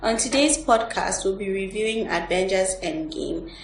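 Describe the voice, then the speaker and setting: A woman hosts a podcast about movies, chatting with her guests and offering her own opinions in a medium-pitched voice at a moderate pace. The recording sounds roomy, with a distant mic and background noise.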